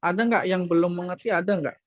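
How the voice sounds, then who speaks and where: A woman's voice: lowish voice, fairly even intonation, fast talker, no room sound, muffled recording. Patient woman teaching over video call. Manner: patient, repeats points and checks understanding. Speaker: Korean language teacher. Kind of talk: online class lesson.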